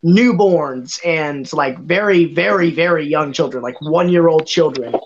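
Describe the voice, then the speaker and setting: A man's voice: on the high side, a little slow, a little hiss or hum. A young man running a tabletop game as game master, narrating hesitantly with many fillers, his voice warbling and glitching over an online call. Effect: glitchy, warbling online call audio. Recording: dull lo-fi call audio.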